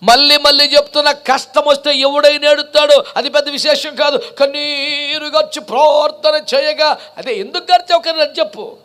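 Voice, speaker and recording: A male pastor preaching a passionate sermon, piling up rhetorical questions and building to shouted peaks. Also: very high-pitched, steady tone, normal speed.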